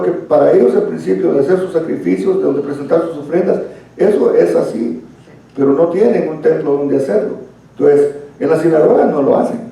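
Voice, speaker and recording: High, gravelly man teaching in an echoey hall. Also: mellow. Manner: explanatory, addresses listeners as brother. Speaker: Bible study teacher. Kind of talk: church Bible study lesson. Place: church hall. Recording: echoey room, far from mic.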